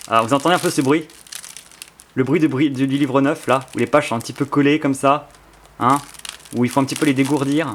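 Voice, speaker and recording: In this casual unboxing chat, a YouTuber with a French accent opens and browses a book from his collection, rambling eagerly with plenty of fillers and restarts. His mid-range voice is brisk and steady in tone. There's a little hiss or hum on the recording.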